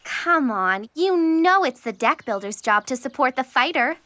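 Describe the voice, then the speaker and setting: Squeaky, chirpy little girl. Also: lively intonation, unhurried, sharp tone, exaggerated voice. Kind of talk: animated series dub.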